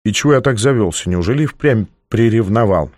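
A man's voice: fairly low pitch, expressive, a little fast, a little mellow, no room sound. A man narrating a first-person novel aloud in a dry, ironic storytelling manner. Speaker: audiobook narrator.

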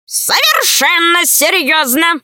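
A woman voicing a squabbling two-headed talking bird in a storybook, shrill and excitable, with its lines set a little back from the mic. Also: takes it slowly, dry recording, clean studio sound, heavily acted.

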